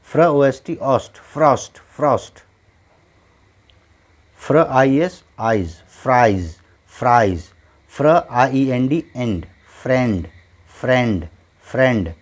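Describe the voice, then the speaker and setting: A man's voice: medium pitch, animated, slow pace, long pauses. A man teaching English phonics, spelling out letters and sounding out each word, then repeating it patiently several times.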